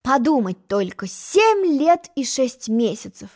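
A puffed-up, self-important egg from a storybook lectures in a high, sing-song voice, as a woman acts him out. His pitch leaps about eagerly, and every reply drips with condescension. He takes offense at the slightest remark. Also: very animated. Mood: lecturing. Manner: haughty, lecturing, quick to take offense. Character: pompous boastful egg-shaped male storybook character. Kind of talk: storybook reading.

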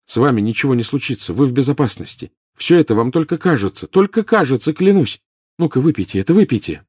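A man voicing a desperate teenage boy wizard, urging and pleading loudly, in an audiobook. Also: medium pitch, expressive, quick pace, breathy edge, dry recording, studio quality, pitched above the performer's own voice. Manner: urgent, pleading, shouting. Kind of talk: audiobook character voice.

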